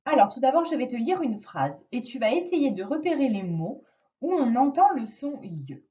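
A woman teaching a reading lesson to a young child, slowly and patiently stressing each sound. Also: sits high, sing-song, mellow, distant mic, highs cut off. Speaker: primary school teacher.

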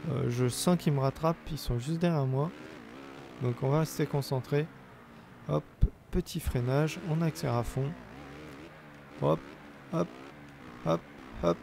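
Gravelly young man commenting his game. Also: fairly high pitch, unhurried, long pauses, background noise. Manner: chatty, hesitant, bursts of playful cheering. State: sore throat. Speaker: let's play gamer.

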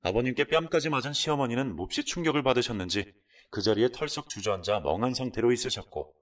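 A man narrating a listener's story in the first person, with expressive storytelling. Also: medium pitch, fast, distant mic.

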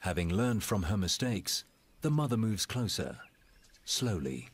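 A man narrating a scripted wildlife documentary in a measured, dramatic storytelling manner with deliberate pauses. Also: fairly low pitch, very animated, breathy edge.

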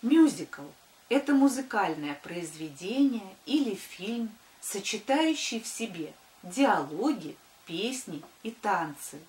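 Casting: woman in her sixties, schoolteacher dictating words unhurriedly, medium pitch, echoey room. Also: sing-song, a little mellow. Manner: dictating, deliberate, sounding out words syllable by syllable. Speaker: primary school teacher. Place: small wood-panelled room indoors.

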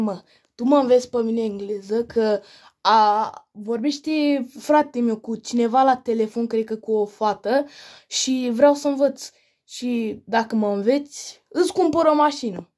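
High-pitched woman doing a quick, bickering comedy sketch, swears a lot. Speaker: sketch comedian playing several family roles.

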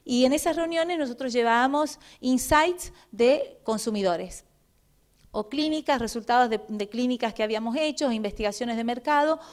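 A middle-aged woman with an Argentine accent, giving a public talk and telling personal anecdotes in an animated way with frequent "eh" fillers. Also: on the high side, normal speed. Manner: animated storytelling, frequent "eh" fillers, acts out dialogue. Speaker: guest speaker.

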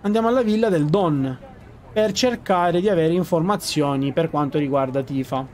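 A man's voice: a little high, moderate pace, a little mellow. A man giving let's play commentary on a video game, chatty and often correcting himself mid-sentence. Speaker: gaming video host.

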